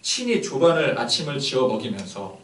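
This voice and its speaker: Male pastor, casual chatty sermon, lively pitch, roomy hall, mic at a distance. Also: a little fast. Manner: animated and conversational, with many fillers.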